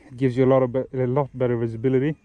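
A young man gives relaxed, explanatory fishing tips outdoors by a lake, often restarting and correcting himself mid-sentence. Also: medium pitch, fast, no room sound, lo-fi sound. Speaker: fishing vlogger. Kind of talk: casual instructional talk while fishing.

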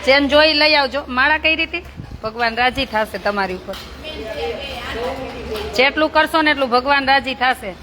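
Her voice sits high, and she speaks at a moderate pace, pausing often, with a crowd in the background. She runs a charity for slum children and talks casually with a group of them in a noisy, crowded outdoor space, teasing, coaxing and scolding in a playful, bossy manner.

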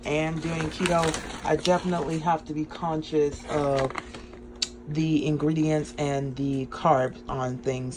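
Chatty, excited woman vlogging her groceries. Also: sits low. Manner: chatty and excited, with many ums. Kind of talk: casual grocery haul vlog. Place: small home kitchen.

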